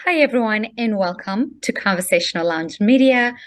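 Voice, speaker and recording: A woman hosting an interview show over a video call, effusive and quick to exclaim. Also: mid-range voice, expressive. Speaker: host.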